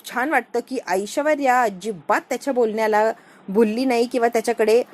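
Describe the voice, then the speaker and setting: Brief: female recap narrator, storytelling voice-over, higher register. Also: brisk. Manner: storytelling, voicing every character herself.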